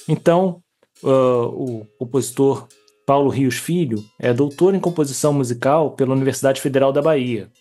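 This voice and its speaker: A man's voice: mid-range voice, a little mellow. A man co-hosting an interview over a video call, reading a guest's bio and then asking questions, hesitant and full of fillers. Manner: hesitant, with many fillers and restarts. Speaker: co-host.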